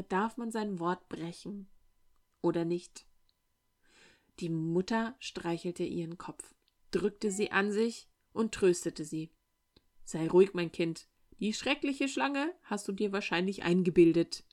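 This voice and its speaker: A woman podcast host reading a fairy tale aloud and breaking off for wry, joking comments to her listeners. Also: lowish voice. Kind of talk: read-aloud with chatty asides.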